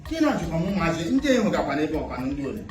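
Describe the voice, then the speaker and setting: A man's voice: a little high, big pitch swings, racing, distant mic, over music. Exclaiming man in echoey room. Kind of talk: comedy skit, mostly in Igbo.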